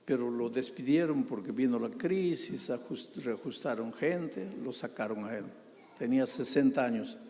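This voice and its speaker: A male pastor preaching a sermon in a church, telling stories with emphasis and dramatic pauses. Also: mid-range voice, warm tone. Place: large church. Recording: long church reverb.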